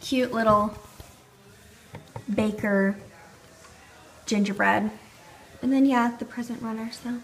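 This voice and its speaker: A woman's voice: on the high side, fairly even intonation, slow pace, long pauses. Chatty young woman vlogging at home. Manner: chatty, upbeat, rambling with fillers. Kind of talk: casual vlog chat. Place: at home, indoors.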